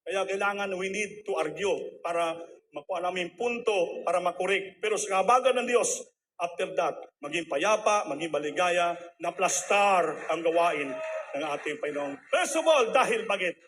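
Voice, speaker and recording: A man's voice: sits high, lively intonation, moderate pace, fairly bright tone, a little hiss or hum. A middle-aged man preaching a sermon, telling a conversational testimony and mixing in English phrases.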